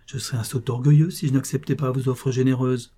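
A man's voice: medium pitch, little pitch movement, fairly quick, dark tone, slightly rough, lightly acted. A man reading aloud and voicing a poor, proud young man who pleads in an earnest, troubled way. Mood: troubled pleading.

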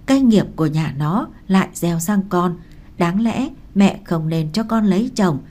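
Grieving older grandmother, read by a woman, tearful, pleading apology, low mellow voice, audiobook. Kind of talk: audiobook character reading.

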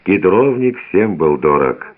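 A man narrates a novel with dramatic, expressive reading. His voice sits low but moves widely in pitch. The sound is thin and phone-like, as from an old radio broadcast. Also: measured pace. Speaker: audiobook narrator.

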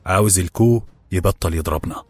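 A defiant young servant with an Egyptian accent argues with firm, impassioned conviction, as a male narrator voices him. The voice sits low and a little husky, in a dry, close recording with faint music behind. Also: brisk, a little mellow, no room sound. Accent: Egyptian Arabic.

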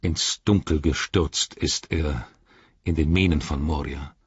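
A man's voice: rumbling low, steady tone, a little slow, slightly rough, no room sound, lo-fi sound, pitched below the performer's own voice, full character voice. Aragorn, a man reading a grave solemn ranger. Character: grieving grave royal ranger, male, adult.

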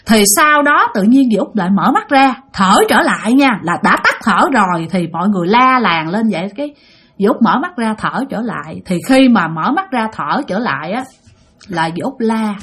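A woman with a Southern Vietnamese accent narrating a ghost story in an animated, chatty way, speaking straight to her listeners. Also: mid-range voice, normal speed, husky.

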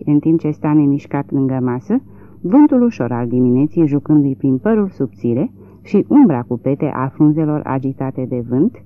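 Un bărbat care citește expresiv și măsurat o carte audio literară. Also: male voice, on the high side. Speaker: audiobook reader. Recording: tinny lo-fi narrow-band recording.

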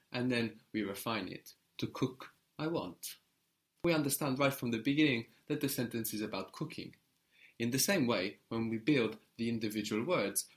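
A man teaching a language lesson, patiently explaining and drilling words slowly with a student. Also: lowish voice.

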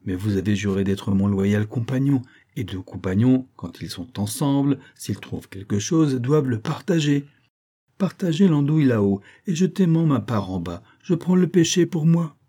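A man's voice: medium pitch, expressive, normal speed, mellow, natural voice. A man voicing a crafty, greedy male fox who coaxes and pleads with veiled threats in a storybook reading. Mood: pleading. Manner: coaxing, insistent, with veiled threats.

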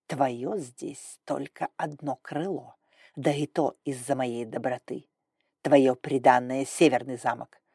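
A woman's voice: a bass voice, unhurried, mellow, husky, dry recording, studio quality, pitched below the performer's own voice, heavily acted. A woman reading an audiobook, voicing a stern, domineering male dragon lord with an icy, growling manner. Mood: cold fury.

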